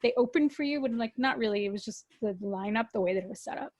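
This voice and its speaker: A woman from Canada, a guest musician, telling a story in a casual, animated way and swearing freely. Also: a little high, quick pace, no room sound. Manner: animated, swearing, acts out quoted voices.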